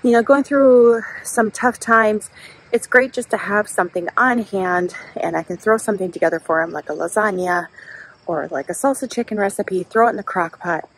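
A woman's voice: medium pitch, moderate pace, breathy edge, poor audio. Chatty Midwestern woman in her garden. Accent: Midwestern American. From Wisconsin. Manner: chatty, upbeat, self-deprecating. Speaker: vlogger, mom. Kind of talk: casual chat while gardening. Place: outdoor garden. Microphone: handheld camera.

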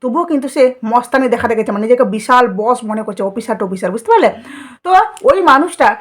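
A woman's voice: a little high, expressive, fast. A woman vlogger, delivering scolding, mocking commentary full of rhetorical questions. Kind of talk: commentary vlog.

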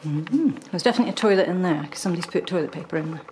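Filming with a handheld camera mic at harbours and old ruins, a sailor and travel vlogger offers casual, chatty commentary. Her lowish voice is expressive and very fast, set against clear outdoor background noise in the camera audio.

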